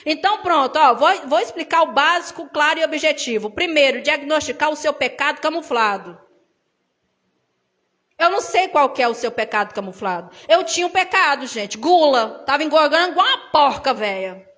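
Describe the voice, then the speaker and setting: A Brazilian-accented woman preaches an informal sermon in a high-pitched, expressive voice that is pushed and bright, moving at a moderate pace. She addresses the churchgoers as brothers, chatting with them and recounting her own experiences.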